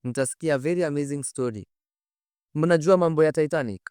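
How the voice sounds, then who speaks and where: Clean, dry studio audio captures a Kenyan-accented man hosting on a studio set, telling stories to camera in an animated, conversational and emphatic way, with repeated phrases and rhetorical questions. His voice is on the high side and a little fast, darkish yet clean in tone.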